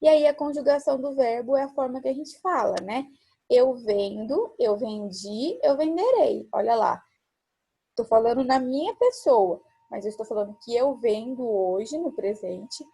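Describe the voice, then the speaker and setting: A woman teacher with a Brazilian Portuguese accent gives a recorded lesson, her voice a bit husky and set slightly high. She repeats each example patiently and keeps asking the class rhetorical questions. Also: expressive, normal speed, warm tone.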